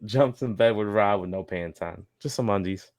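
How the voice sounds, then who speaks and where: A man's voice: fairly low pitch, normal speed, a little mellow, no room sound, studio quality. A man co-hosting a podcast, recapping episodes in casual chat with lots of fillers and chuckles. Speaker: podcast co-host.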